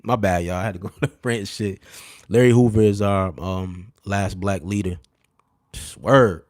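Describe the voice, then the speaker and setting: A man in his thirties or forties hosting a livestream, telling stories in an animated, streetwise way, filling his talk with "you know what I'm saying" asides and dropping to a hushed voice at tense moments. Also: normal speed, no room sound, studio quality. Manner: drops to a hushed, low voice when retelling tense moments. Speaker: livestream host. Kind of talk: casual storytelling to a live chat.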